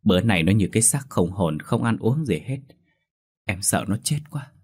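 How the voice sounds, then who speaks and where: A man's voice: lowish voice, expressive, normal speed, a little mellow, breathy edge. A man voicing a frightened, tearful poor village mother, pleading meekly. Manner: pleading, whimpering.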